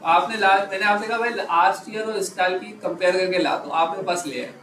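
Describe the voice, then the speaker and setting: A man teaching a live class, quizzing his students and stopping often to check that they follow, slowing right down on the key phrases. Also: sits high. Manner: slows down to stress key phrases. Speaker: instructor. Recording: echoey room, background noise.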